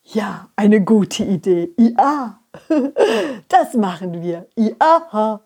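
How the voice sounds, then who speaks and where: A woman's voice: medium pitch, big pitch swings, very slow, a little mellow, breathy edge, full character voice. A woman voicing a lonely, plodding male donkey who sighs and hesitates. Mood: smitten. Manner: sighing and hesitant.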